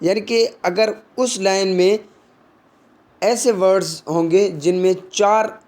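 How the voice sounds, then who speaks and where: A man teaching poetry terms in a slow, unhurried way, with a high voice that sits well above most men's. He explains in Hindi, drops in English words, and fills his pauses with short hesitations. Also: steady tone, darkish tone. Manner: mixes Hindi explanation with slow English read-outs, frequent fillers. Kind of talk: explaining literary terms, reading English examples slowly.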